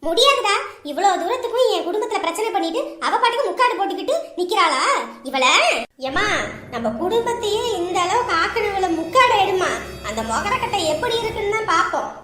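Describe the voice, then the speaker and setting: A woman playing a shrill, scolding mother-in-law. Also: lively intonation, fairly quick. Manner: loud scolding, dramatic lamenting. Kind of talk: comedy skit acting. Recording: roomy echo.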